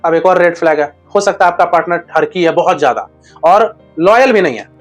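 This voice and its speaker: A man's voice: fairly high pitch, expressive, a little fast, soft background music. A man giving relationship advice in a casual monologue, blunt and slangy with crude humor.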